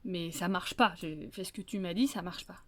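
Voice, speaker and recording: A woman voicing a sly fox who mutters in a low, hesitant, sheepish way. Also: moderate pace, a bit bright.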